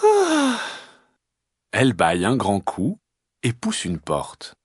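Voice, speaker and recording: A man reading a children's story aloud in an expressive, lilting storyteller's voice. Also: sits low, a little slow, slightly rough, dry recording, clean studio sound.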